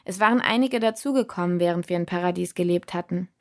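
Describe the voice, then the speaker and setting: Woman narrating a story calmly. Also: lowish voice, fast. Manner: calm, reflective storytelling. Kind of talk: first-person story narration.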